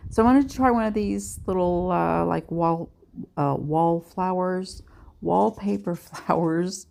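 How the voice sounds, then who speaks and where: A woman's voice: fairly low pitch, slow, vocal fry, a little mellow. A woman giving a chatty, self-deprecating nail art tutorial in a casual voice-over.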